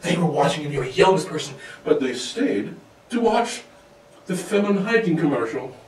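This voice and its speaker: Man, comic rant, high voice, very animated pitch, far from the mic in an echoey room. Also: a little fast. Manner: wild swings of pitch and loudness, laughing, mock-preachy. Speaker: comic monologue host. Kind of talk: rambling comic rant to camera. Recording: roomy echo, distant from mic.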